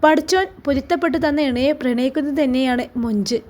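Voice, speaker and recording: A devout young mother speaks firmly and evenly, as a woman narrator plays her. The voice is high and composed. She is a storybook heroine who holds her ground. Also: quick pace, darkish tone, lightly acted.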